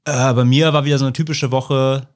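A man's voice: medium pitch, level tone, a little fast. A man with a German accent co-hosting a podcast, chatting casually and telling long, joking stories about his workweek. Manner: rambling, playful, sarcastic storytelling. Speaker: podcast co-host. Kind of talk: casual chat.

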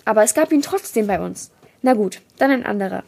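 A woman's voice: expressive, brisk, creaky, darkish tone, husky. A woman reading a children's novel aloud, lifting her voice for the dialogue. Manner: switches into livelier, higher voices for quoted dialogue. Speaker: reader of a book excerpt.

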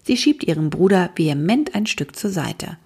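A woman narrating a children's story in the first person, lively and expressive. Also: on the low side, normal speed, breathy edge. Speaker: audiobook reader.

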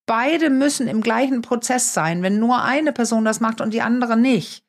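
Woman, podcast co-host, earnest, emphatic, fairly high voice, filler words. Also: moderate pace. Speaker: podcast co-host, relationship expert. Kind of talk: conversational podcast explanation.

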